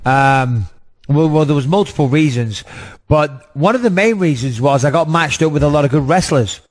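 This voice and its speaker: A man's voice: on the high side, lively intonation, normal speed. A man in his thirties, a former fighter co-hosting a podcast, talking bluntly and emphatically in casual chat and swearing now and then.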